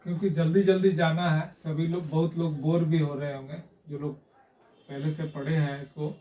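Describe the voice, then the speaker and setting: A man teaching English grammar in a classroom lesson, explaining slowly and checking in with his students again and again. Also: fairly high pitch, little pitch movement, mellow. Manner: explains slowly, repeats and checks with "haan?" and "theek hai?". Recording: echoey room, mic far off.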